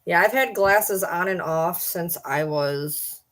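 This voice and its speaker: A woman's voice: lowish voice, takes it slowly. Chatty woman in her forties livestreaming. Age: 40s. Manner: chatty, rambling, reads and answers comments. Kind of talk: casual live stream chat.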